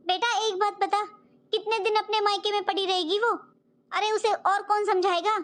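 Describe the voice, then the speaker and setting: A woman's voice: very high-pitched, flat delivery, normal speed, fairly bright tone. Pleading old mother-in-law. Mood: scolding. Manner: pleading, scolding. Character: elderly woman, daughter-in-law's mother-in-law, pleading, unwell. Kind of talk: cartoon voice acting.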